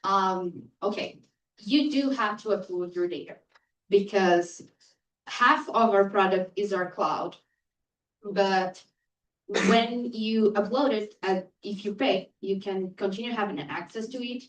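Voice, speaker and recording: A woman of middling pitch gives a live startup pitch and fields questions, lively and a little teasing with the crowd. Her voice bounces around a reverberant room. The mic sits well away from her. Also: slow. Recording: echoey room, distant mic.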